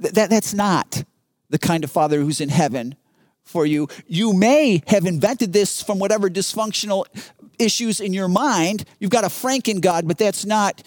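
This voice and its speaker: A man's voice: high-pitched, normal speed, no echo. A man preaching a sermon, emphatic and storytelling, often repeating his phrases. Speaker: pastor.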